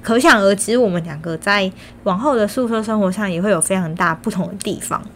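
A woman's voice: mid-range voice, brisk, a little hiss or hum. A young woman with a Taiwanese Mandarin accent tells personal stories casually and chattily, with slightly slurred articulation from wearing braces. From Kaohsiung, Taiwan. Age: young adult. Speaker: vlogger.

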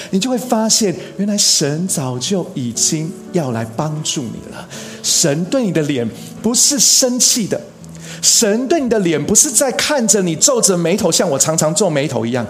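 An earnest male preacher delivering a sermon in a fairly high voice. He draws out key phrases slowly and pushes his voice up for emphasis. Soft music plays faintly underneath. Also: very animated. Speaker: pastor.

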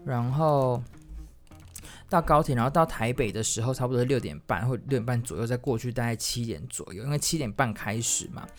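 Over soft background music, a Taiwanese-accented man speaks a bit quickly in a casual storytelling monologue for his solo podcast. His delivery wanders, full of restarts and self-corrections, with lively bursts of high-pitched excitement.

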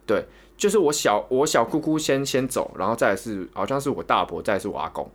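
A young man with a Taiwanese Mandarin accent tells a long story in rapid-fire bursts, tripping over repeated words. His voice sits at a middle pitch, and he is animated whenever he retells what others said. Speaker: podcast co-host. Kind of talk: casual storytelling chat.

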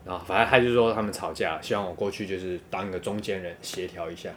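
Young man, rapid crude storyteller, light background hiss. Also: low-pitched. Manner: crude, animated, bursts of laughter. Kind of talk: casual storytelling chat.

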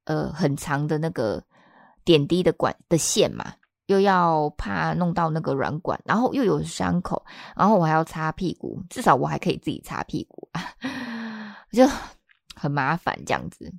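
A woman, hosting a podcast and telling a personal story in a chatty, expressive way. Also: deep voice, normal speed, gravelly, no room sound, studio quality. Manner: chatty and expressive, acts out the people she quotes. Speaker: podcast host.

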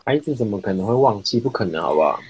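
A woman's voice: rumbling low, lively intonation, rapid-fire, a little mellow, breathy edge, low-quality recording. A woman, co-hosting a casual chat with skeptical, teasing questions.

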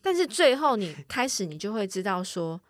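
A woman's voice: medium pitch, big pitch swings, moderate pace, no echo, studio quality. A woman co-hosting a casual chat, reassuring and full of advice. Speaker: podcast co-host.

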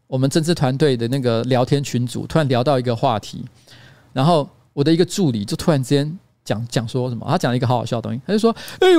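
Fast-talking Taiwanese Mandarin man, animated host. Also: medium pitch, dry recording. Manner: animated storyteller, self-mocking, with frequent restarts. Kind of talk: livestreamed radio-style monologue.

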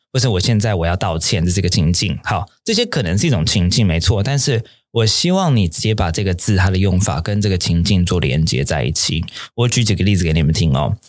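Chatty low-voiced male teacher. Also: no room sound, studio quality. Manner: chatty, joking, repeats key points. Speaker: English teacher. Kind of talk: online vocabulary lesson.

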